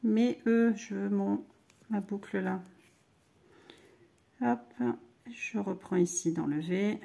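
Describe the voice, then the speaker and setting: A woman's voice: mid-range voice, slow, vocal fry, warm tone. A middle-aged woman hosting a crochet tutorial, chatting with viewers as she works. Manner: chatty, talks to viewers while working. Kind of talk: crochet doll-clothes tutorial.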